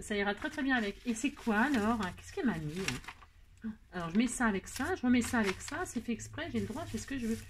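A woman crafting vlogger chatting casually while she unboxes gifts. She talks in a chatty, exclamatory way, laughs often and keeps adding little tag words. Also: on the high side.

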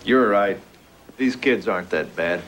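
A middle-aged actor playing a genial, self-deprecating school principal who chats easily. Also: male voice, fairly low pitch, measured pace, heavy background noise, close to an everyday voice. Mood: amiable.

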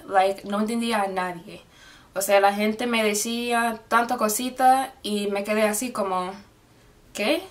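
A chatty young woman talking straight to her viewers in a casual vlog, her voice sitting a touch above the usual pitch. She keeps dropping English fillers into her talk. The mic sits a little away from her, so she sounds slightly distant. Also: a bit bright. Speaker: vlogger. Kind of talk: casual language-learning vlog.

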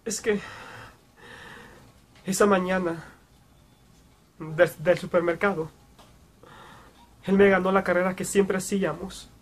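A young man acting a dramatic monologue as a guilt-ridden brother, sorrowful and anguished, with halting delivery. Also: sits high, steady tone. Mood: pained confession. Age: young adult. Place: small room, indoors.

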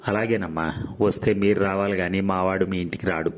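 A man's voice: low voice, steady tone, fairly quick, lightly acted. A man voicing an older retired man, a loyal friend who speaks firmly and indignantly. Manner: firm, indignant.

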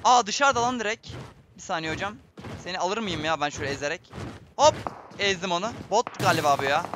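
Young male streamer, high-pitched, chatty and excitable, game noise clearly audible. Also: fairly quick. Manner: excitable, chatty, addresses viewers as friends. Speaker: gaming streamer. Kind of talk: live gameplay commentary. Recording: game gunfire behind voice.

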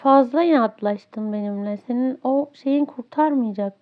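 A high-pitched woman talks over her gameplay in a frustrated, ranting way, complaining about a teammate. The audio is a bit dull and lo-fi. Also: normal speed. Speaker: gaming streamer. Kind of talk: live gameplay commentary.

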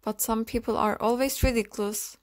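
A woman's voice: fairly high pitch, steady tone, moderate pace, natural voice. A woman voicing a proud young countess in an audiobook, reading her lines sharply and imperiously.

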